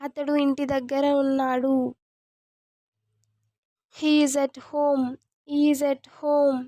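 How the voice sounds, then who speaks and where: A woman, teaching English as a language lesson, saying each sentence twice in a slow, deliberate way. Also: high-pitched, little pitch movement, dark tone, no echo.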